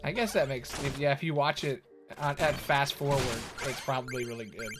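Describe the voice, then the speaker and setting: Speaking in a mid-range voice at a fairly quick clip, this male streamer chats and jokes his way through a video game, cursing freely. Clearly audible music runs behind him.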